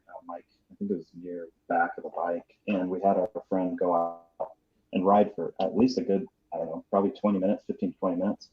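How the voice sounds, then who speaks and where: Low-voiced male guest on dull lo-fi audio. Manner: easygoing storytelling with fillers. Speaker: guest sound recordist. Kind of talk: casual anecdote.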